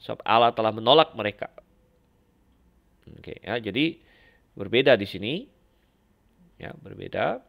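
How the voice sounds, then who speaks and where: A man giving a Bible lesson, explaining slowly with frequent fillers and restarts as he compares passages. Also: lowish voice, animated, vocal fry. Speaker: Bible teacher. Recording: dull lo-fi lecture recording.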